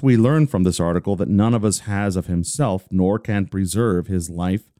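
Male reader, deep and dark-toned, deliberate devotional reading, dry close sound. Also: clear, resonant tone, no room sound. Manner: deliberate, steady, slowing on listed phrases. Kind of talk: measured reading of a religious catechism.

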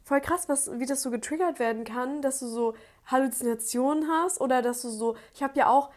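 A woman's voice: high voice, fairly quick, darkish tone. A young woman in casual chat, retelling things in a chatty, slangy way.

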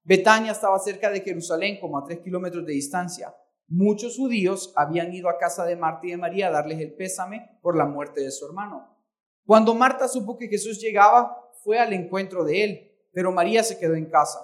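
Brief: male pastor, high voice, reads scripture and explains it for an interpreter. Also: fairly quick. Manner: corrects his own misreadings. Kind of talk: bilingual sermon with interpreter.

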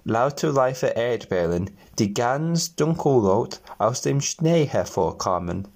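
Unhurried guy reading a fairy tale aloud, gentle storyteller, talks to the listeners. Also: mid-range voice, sing-song.

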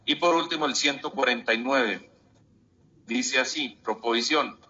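A man with a Colombian Spanish accent, serving as committee secretary, formally reading legislative motions and listing article numbers in a rapid monotone. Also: medium pitch, dull audio.

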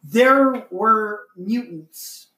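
A woman in casual, animated anime chat, swearing freely and arguing her opinions. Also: mid-range voice, very slow. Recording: echoey room, mic at a distance.

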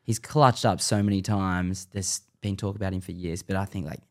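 A man with an Australian accent, a podcast guest chatting in a relaxed, agreeable way. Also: low-pitched, moderate pace. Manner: relaxed, agreeable, says bro a lot. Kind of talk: casual chat.

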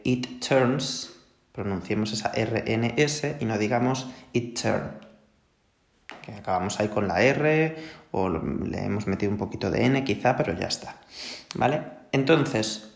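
Spanish teacher with a gravelly voice. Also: male voice, mid-range voice, reverberant. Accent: Spain Spanish. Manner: patient, explanatory, checks in with frequent "¿vale?". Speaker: English teacher. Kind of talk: recorded classroom lesson.

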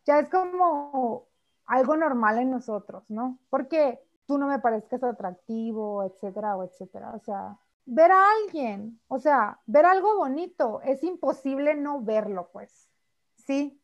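A woman's voice: high-pitched, expressive, unhurried. A woman with a Mexican Spanish accent chatting casually as a co-host, full of fillers and acting out quoted speech. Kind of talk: casual chat. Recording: slightly dull lo-fi audio.

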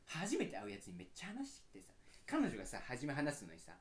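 A man on a casual podcast, telling a long story with animated delivery and acted-out quotes. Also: on the high side, quick pace. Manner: animated storyteller, acts out quoted lines, laughs often. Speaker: podcast co-host.

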